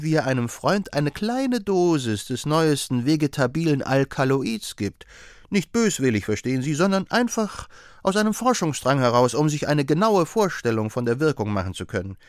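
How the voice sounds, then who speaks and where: Brief: male reader plays an amused, gossipy young assistant, raised pitch, lively melody. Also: no echo, clean studio sound. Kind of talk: audiobook character voice.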